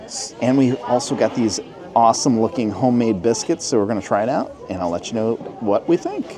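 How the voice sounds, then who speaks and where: Over crowd noise, a forties-aged travel and food vlogger speaks briskly and expressively at a medium pitch. Holding his phone camera at arm's length, he chats cheerfully with viewers and tells them what he sees, outside a restaurant at night and later inside a diner.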